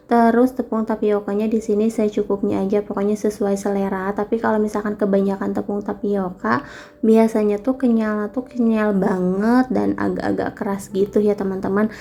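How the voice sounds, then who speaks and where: A young woman chatting her way through a cooking vlog in her home kitchen. Her voice is mellow and warm, and her talk is relaxed and full of little fillers. A faint rumble and hiss sit under the recording. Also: creaky. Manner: chatty, relaxed, many fillers and tag phrases. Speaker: vlogger. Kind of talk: casual cooking vlog narration. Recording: faint background noise and rumble.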